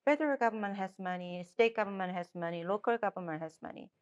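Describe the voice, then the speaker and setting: A middle-aged woman with a Korean accent, Korean being her native language, answers interview questions as a political candidate, often restarting and using fillers. Her medium-pitched voice is smooth and she talks fast.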